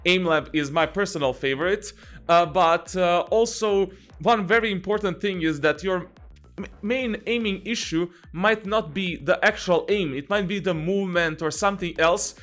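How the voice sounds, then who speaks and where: High-voiced joking young man. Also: a bit bright. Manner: jokey, laughs often, many fillers and restarts. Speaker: channel host and game coach. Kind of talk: casual Q&A vlog.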